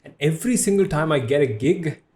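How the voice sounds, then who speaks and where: A man's voice: on the high side, expressive, a little fast, a little mellow. A man hosting a casual podcast with a mix of Indian and Western English in his accent. He rambles, repeats himself and laughs at his own jokes. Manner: rambling, self-deprecating, repeats words, laughs often. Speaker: podcast host.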